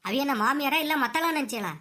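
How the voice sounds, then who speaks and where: A woman voicing a scheming young daughter-in-law in a cartoon, with a Kanyakumari Tamil accent and a mocking, quick-tongued manner. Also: high-pitched, animated, sharp tone.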